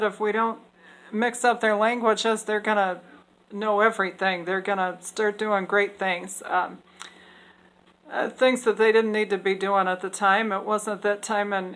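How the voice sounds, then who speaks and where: A native English-speaking woman with a mid-range, slightly bright voice explains Bible passages in an unscripted talk, heard through poor audio. She is earnest and opinionated yet hesitant, using many fillers and restarts.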